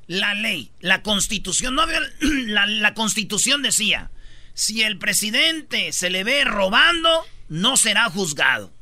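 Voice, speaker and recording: Bright, high-voiced teasing radio host. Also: male voice, a little slow, no room sound. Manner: teasing, excitable, rambling. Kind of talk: comedy radio banter.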